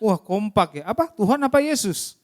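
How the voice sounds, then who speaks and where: Male preacher, high voice, chatty and interactive, keeps quizzing the congregation. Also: moderate pace. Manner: lively, keeps asking the congregation questions. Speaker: pastor. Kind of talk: interactive sermon. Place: church service.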